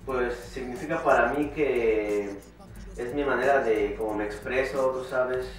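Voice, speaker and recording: The Chicago-born, Mexico City-raised rapper sounds mid-range and a little slow, chatting as a relaxed guest with plenty of slang, fillers and restarts. The casual interview was recorded from a distance on a far camera mic in a small, echoey home studio.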